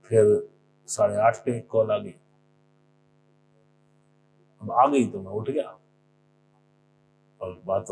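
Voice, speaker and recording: A man speaks in a relaxed spiritual talk, drawing on his own life and often mimicking what other people said. His voice has a gravelly edge. The recording carries clear background noise and a steady hum. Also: on the low side. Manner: conversational, leans on examples from his own life. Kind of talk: informal spiritual discourse.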